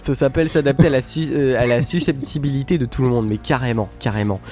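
A man hosts a live radio show and talks quickly in a mid-range voice, teasing his co-hosts and filling pauses with little hesitations. He keeps it loose and chatty. Faint music plays behind him. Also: medium pitch, dark tone. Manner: joking, teasing, lots of fillers. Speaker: web radio host. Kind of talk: casual live radio chat.

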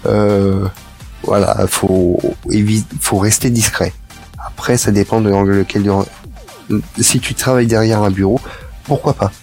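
A man's voice: fairly low pitch, fairly even intonation, a little slow, darkish tone, soft background music. A man hosting a casual radio chat show, talking in a hesitant way with many fillers and restarts.

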